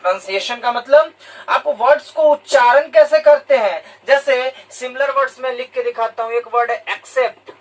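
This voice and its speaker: A man's voice: extremely high pitch, moderate pace, far from the mic, low-quality recording. A man from India, a teacher giving a motivational talk to students, explaining points and repeating key words in two languages. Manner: explanatory, repeats key words in English and Hindi, addresses listeners directly.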